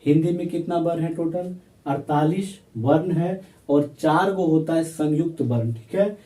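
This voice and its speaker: A man's voice: a little high, measured pace, mellow, recorded from a distance. A male teacher, giving a grammar lesson and drilling his students by asking questions and answering them himself. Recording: echoey room, voice from off-mic.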